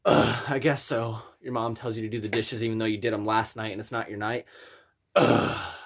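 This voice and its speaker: A man teaching screaming technique in a casual tutorial, explaining things in an informal, halting, rambling way. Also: fairly low pitch, little pitch movement. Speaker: scream vocal instructor. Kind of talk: casual spoken tutorial with vocal demonstrations.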